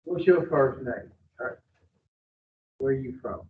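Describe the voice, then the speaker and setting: Speaking slowly at a medium pitch, a man interrogates new arrivals at an addiction treatment intake in a blunt, confrontational drawl. There's a little hiss or hum, and the sound is distant and phone-like, bouncing around an echoey room.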